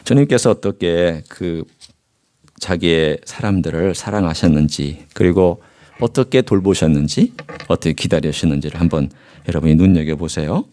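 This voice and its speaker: A man's voice: sits low, moderate pace, warm tone. A male pastor delivering a sermon in a church, reading scripture aloud and putting rhetorical questions to his congregation. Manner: reads scripture aloud in formal biblical diction. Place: church sanctuary.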